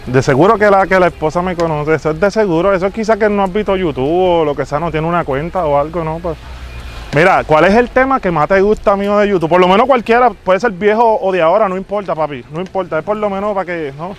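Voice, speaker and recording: Brief: a man as a vain Puerto Rican fake pop star, high voice, pushy street prank. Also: quick pace, a little hiss or hum, close to an everyday voice. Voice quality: boastful, pushy, calls everyone papi. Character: male self-important fake famous Puerto Rican singer. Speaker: prank show host. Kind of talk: hidden-camera prank.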